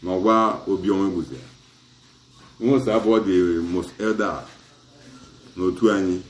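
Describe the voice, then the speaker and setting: In an echoey room, a middle-aged Nigerian man with an Asaba Igbo accent is interviewed as a chief about a community dispute. He tells it in long stretches, alternating Igbo and English, in a low voice with fairly even intonation and moderate pacing.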